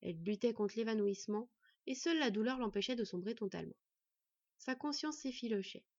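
Husky woman narrating a story. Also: on the high side, animated, a little mellow, no echo. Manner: measured storytelling. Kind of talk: scripted narration. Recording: dry, slightly dull recording.

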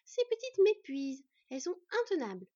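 A woman's voice: very high-pitched, expressive, fast, creaky, darkish tone, voice pushed up, full character voice. A woman voicing a fussy, motherly female dwarf who talks in a chatty, exasperated way, in a storybook reading. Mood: fussing. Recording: dull lo-fi recording.

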